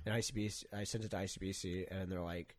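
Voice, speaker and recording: A man's voice: deep voice, fast talker. A man in casual chat, telling car stories with lots of swearing and acted-out quotes. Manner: swears a lot, animated storytelling with quoted voices.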